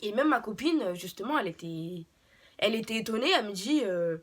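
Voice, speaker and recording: A woman's voice: mid-range voice, lively intonation, brisk. A young woman telling a personal story unscripted in a vlog, hesitant, with many fillers and restarts. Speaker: beauty vlogger.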